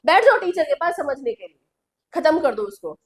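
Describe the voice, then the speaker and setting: A woman's voice: sits high, very animated, normal speed. A woman coaching teacher giving study tips to students in a chatty lesson, often checking in with them as she goes. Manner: chatty, addresses students directly with repeated tag questions.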